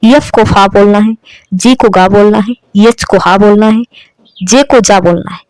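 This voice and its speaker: A woman's voice: medium pitch, dry recording, rough recording. A woman from India giving an online English lesson as teacher, drilling sounds with repeated questions and answers.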